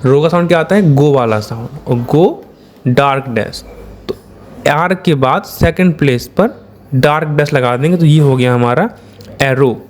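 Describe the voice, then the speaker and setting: An Indian-accented man talks through a shorthand lesson in a fairly high voice. He works step by step, putting questions to his students and answering them himself in a patient, repetitive classroom manner. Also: unhurried. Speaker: shorthand teacher.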